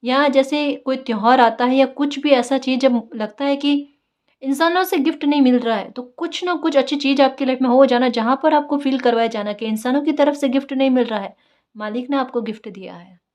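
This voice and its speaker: A woman's voice: high-pitched, fairly quick, a little mellow. A woman tarot reader giving casual spiritual guidance, coaxing and encouraging, often asking her listeners "right?" and repeating key phrases.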